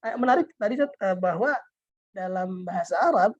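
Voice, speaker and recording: Husky fast-talking workshop moderator. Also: medium pitch, expressive, a little mellow, muffled recording. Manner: echoing and summarizing the teacher's points.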